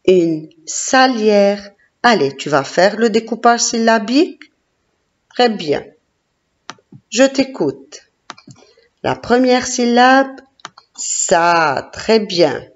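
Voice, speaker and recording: Slow, encouraging woman teacher. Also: fairly high pitch, animated. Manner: slow, encouraging, sounding out syllables. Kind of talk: classroom phonics lesson. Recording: dull lo-fi recording.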